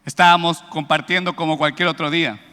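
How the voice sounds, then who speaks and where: A man's voice: a little high, fairly quick, in a large hall. A man preaching a sermon and telling a personal testimony, acting out the voices of the people in his story. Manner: animated storytelling, acts out quoted voices, builds to loud praise.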